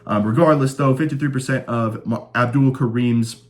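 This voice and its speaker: With a mid-range voice at a moderate pace, a young man with a slight cold runs a casual fight prediction show. He keeps it laid-back, cracking jokes and rambling with fillers as he chats about sports predictions.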